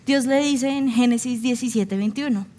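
A woman's voice: fairly high pitch, normal speed, warm tone. A young woman preaching a sermon, telling stories animatedly and acting out the voices of the people she quotes.

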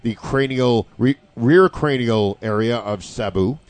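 A man acts as co-commentator on wrestling, analysing it in a wordy, sardonic way. His voice sits at an ordinary male pitch. The recording is dry and close. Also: unhurried, dry recording.

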